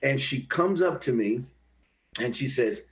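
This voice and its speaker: An older actor from the Kansas City area, USA, tells stories in a relaxed interview, his mid-range voice lively in intonation and a little slow. He frequently halts and restarts sentences, repeating words while he collects his thoughts.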